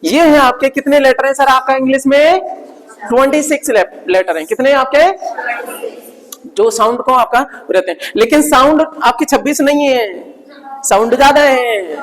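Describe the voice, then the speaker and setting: Playful teacher drilling letter sounds. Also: male voice, very high voice, moderate pace, a bit bright, big-room sound, rough recording. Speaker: English teacher. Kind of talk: live online grammar class.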